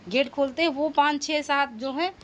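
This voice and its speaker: A middle-aged woman chats at home into a phone camera, her voice sitting a little high. Her talk is casual and homely, and a faint room ambience hums behind her. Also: steady tone, normal speed, a bit bright, slight background noise. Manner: talks to her dog in high coaxing calls. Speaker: vlogger. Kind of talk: casual home vlog narration.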